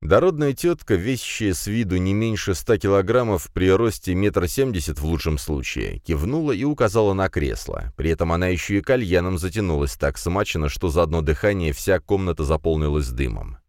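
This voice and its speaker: Male narrator, very low voice, lively delivery, dry close sound. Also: fairly quick, hardly any pauses, no room sound. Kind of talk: audiobook narration.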